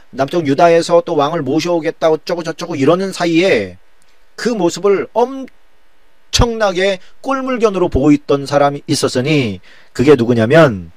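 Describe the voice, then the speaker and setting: A man's voice: a little high, darkish tone, no echo. A male pastor teaching a Bible study lecture in a colloquial way, full of rhetorical questions.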